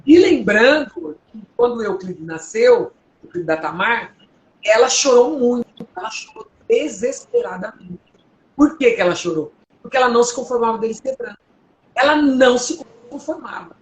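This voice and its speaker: Deep-voiced woman preaching. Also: expressive, moderate pace. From Brazil. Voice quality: deep, strong, powerful voice. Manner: earnest, emotional, exhorting listeners. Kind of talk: testimony and preaching. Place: at home. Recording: echoey room, faint background hum.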